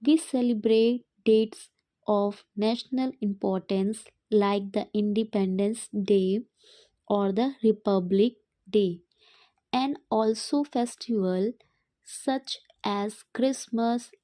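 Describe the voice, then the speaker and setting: A woman teacher dictating an English passage in short, separated phrases, pausing deliberately between them. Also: medium pitch, warm tone, no echo. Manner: dictating word group by word group with deliberate pauses.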